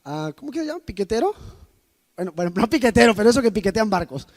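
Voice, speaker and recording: Male preacher with a very high voice, impassioned sermon delivery that rises to shouts and drops to near-murmurs, speaking straight to the congregation. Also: very animated, fast talker. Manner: impassioned, swinging between loud outbursts and quiet asides; personal storytelling addressed to the congregation.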